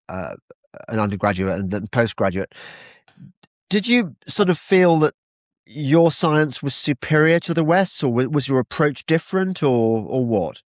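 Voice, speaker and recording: A man's voice: medium pitch, dry recording, clean studio sound. An older man interviewing a guest, often stumbling and repeating words as he starts a question.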